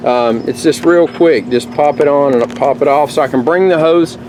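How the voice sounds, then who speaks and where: A man casually explaining a homemade chicken-watering project outdoors by a coop, relaxed and rambling with lots of fillers. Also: fairly high pitch, normal speed. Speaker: homesteader showing a DIY build. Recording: outdoor noise, distant mic.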